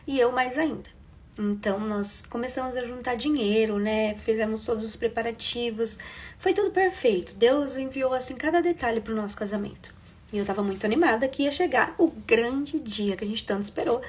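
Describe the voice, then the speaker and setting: A young woman with a Brazilian accent tells her own story as a heartfelt confession. Her voice sits a little high, and she talks casually and with feeling. She acts out the lines of the people in her story. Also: fairly quick. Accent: Brazilian Portuguese. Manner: emotional, conversational, quotes others with lively shifts. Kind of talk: first-person confessional storytelling.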